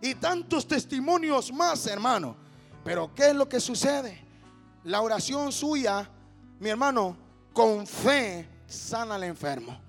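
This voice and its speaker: A man with a Honduran accent preaching a fervent evangelical sermon, speaking straight to his congregation and building up to shouts. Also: extremely high pitch.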